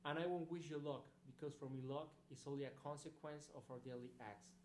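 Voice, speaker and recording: Speaking a little fast in a steady, darkish, slightly high voice, a male graduate delivers an earnest recorded congratulation, hunting for words. The clip is echoey with a faint hum and is heard played in a hall.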